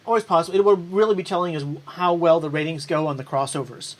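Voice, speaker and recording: A woman's voice: lowish voice, fast talker. Woman hosting a casual TV panel. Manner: rambling with fillers and restarts. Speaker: host.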